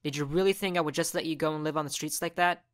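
A woman voicing a kind, grateful older man who speaks calmly and earnestly. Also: sits low, fast talker, no echo, studio quality, lightly acted.

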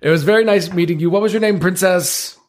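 A man's voice: high-pitched, fast talker, pitched above the performer's own voice, close to an everyday voice. A man playing a self-important seasoned adventurer who is easily flustered, theatrical and evasive, in an improvised tabletop game. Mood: flustered, polite. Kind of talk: improvised tabletop role-play.

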